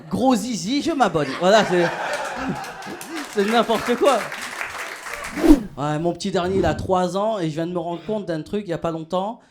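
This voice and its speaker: High-voiced slangy stand-up comedian, live club. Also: male voice, moderate pace, pauses often, a loud crowd, very noisy. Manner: casual slangy, animated, laughing through punchlines. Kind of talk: stand-up comedy with crowd work.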